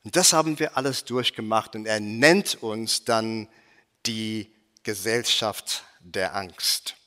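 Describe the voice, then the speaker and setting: A man's voice: on the low side, takes it slowly, sharp tone. A man preaching as a guest speaker, hesitant, with many fillers and restarts. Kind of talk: sermon. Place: church. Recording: long church-hall reverb.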